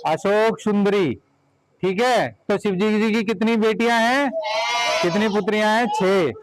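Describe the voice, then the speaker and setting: A man's voice: high-pitched, measured pace, a little hiss or hum, low-quality recording. A man teaching a class of children, giving directions and repeating short commands.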